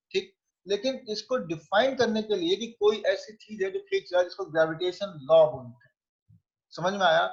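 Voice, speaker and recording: A man's voice: high-pitched, dull audio. A man teaching physics, conversational and often checking that students follow. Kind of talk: online class lecture.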